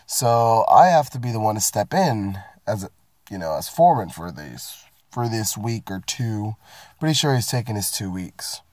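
Recorded dry and at studio quality, a man with a lowish, darkish voice talks at normal speed and with plenty of expression. The vlogger, falling ill, delivers a casual, swear-filled, rambling and self-mocking rant to camera about his work week from inside his parked car.

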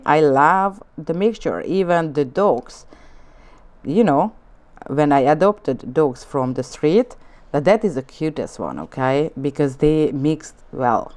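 This is a chatty nail art demo voiced off-camera while only hands are shown, by a woman from Hungary with a Hungarian-accented English. She rambles with lots of fillers and shaky grammar, and her low-pitched voice has a slightly mellow quality.

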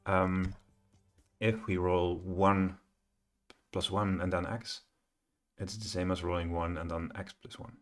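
A man's voice: low-pitched, little pitch movement, takes it slowly. A middle-aged man giving a live coding walkthrough from a home office, thinking aloud and hesitating with many fillers. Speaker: programming tutor.

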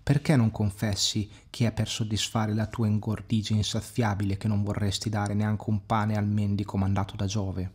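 A husky-voiced man voicing a young prince who speaks bluntly and firmly. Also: fairly low pitch, level tone, normal speed, few pauses, darkish tone. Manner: blunt, reproachful.

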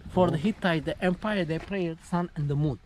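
Against background noise, a fairly high-pitched man serves as a local tour guide, explaining the site outdoors and inside a mud-brick house. He speaks broken English in short bursts, halting and relying on fillers.

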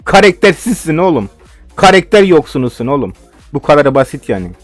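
A man's voice: on the high side, big pitch swings, brisk, no room sound, faint music behind. A young man giving live game commentary, ranting and swearing in frustration at his opponents. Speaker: gaming video host.

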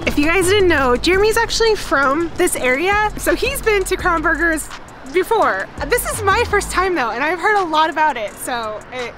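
A food vlogger in her thirties chats enthusiastically to camera in a very high-pitched, expressive voice at normal speed, recorded close up in a small restaurant booth. She's chatty and full of fillers, with background music playing.

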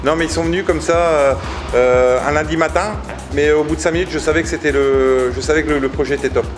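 Middle-aged man from Brittany, chef, quick speech, hesitant and jokey, music behind. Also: fairly high pitch, steady tone. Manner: jokey, hesitant, repeats words. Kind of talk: casual interview chat. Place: small restaurant.

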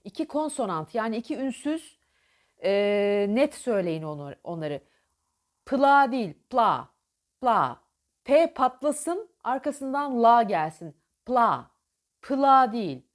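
A woman teaching diction, demonstrating articulation drills with slow, deliberately over-articulated syllables and plain instructions. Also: on the high side, very animated.

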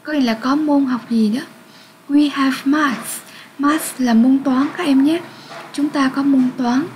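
A Vietnamese-accented woman with a high voice teaches English to children. She talks slowly and clearly and sounds out each word for pupils to repeat. A faint hiss sits behind her. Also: steady tone, darkish tone, poor audio. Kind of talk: grade-six English lesson for children.

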